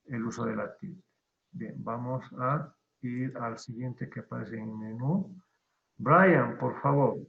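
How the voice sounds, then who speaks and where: A man teaching an online class, explaining slowly step by step, his voice trailing off at the end of phrases. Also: mid-range voice, gravelly. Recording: dull lo-fi audio.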